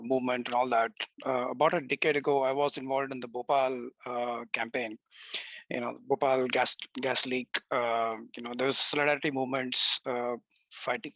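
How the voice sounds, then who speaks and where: A man's voice: medium pitch, a bit bright, dry recording, rough recording. A man activist answering a question on a livestream in a rambling way, with many uhs and you-knows. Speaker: activist guest.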